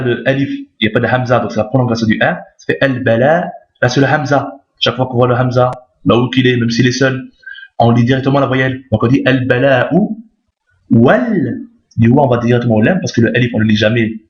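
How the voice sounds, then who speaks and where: A man of middle pitch teaches Arabic reading in a patient, step-by-step way. He repeats each rule and keeps asking whether his students follow. The recording sounds roomy and a little dull. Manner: patient, repeats points, often checks understanding. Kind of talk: step-by-step lesson.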